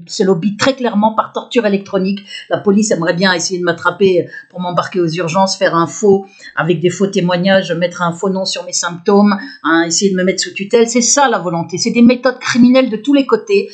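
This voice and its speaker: Woman ranting to her camera, rambly and aggrieved, keeps restarting, mid pitch. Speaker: poet addressing her channel subscribers. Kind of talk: unscripted monologue to camera. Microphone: camera built-in mic.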